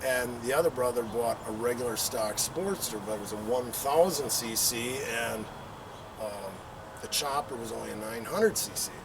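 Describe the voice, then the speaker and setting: A middle-aged man tells a casual, rambling anecdote at normal speed in a medium-pitched voice, acting out quotes and engine sound effects as he goes. He's recorded outdoors on a patio by a camera several meters away, so the mic is distant and there's outdoor background noise.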